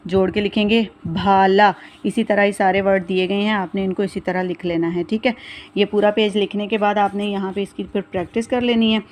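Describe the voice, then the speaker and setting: A woman teaches young children in a recorded lesson. She speaks at an unhurried pace, sounding out words sound by sound and pausing to check understanding. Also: medium pitch, darkish tone. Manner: patient, slow, spelling words out sound by sound with frequent "theek hai".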